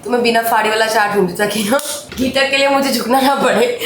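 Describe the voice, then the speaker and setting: A woman's voice: on the high side, fast, background noise. A woman vlogging in a hospital, joking and playful while reassuring others. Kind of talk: casual vlog chat. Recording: echoey hospital with crowd.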